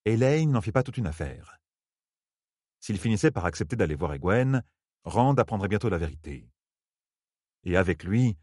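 A man narrating an audiobook in an expressive, measured way. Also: lowish voice, breathy edge, no echo, studio quality.

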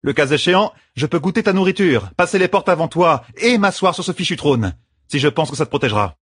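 A man's voice: a little high, animated, brisk, fairly bright tone, no room sound, studio quality, pitched above the performer's own voice. A man voicing a blunt, teasing woman bodyguard. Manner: frank and mocking. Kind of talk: audiobook narration.

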